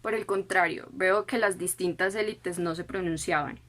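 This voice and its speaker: A woman with a lower voice voices doubt and asks questions, reading from a script. Her tone is skeptical and questioning. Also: steady tone, normal speed, fairly bright tone. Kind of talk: scripted debate.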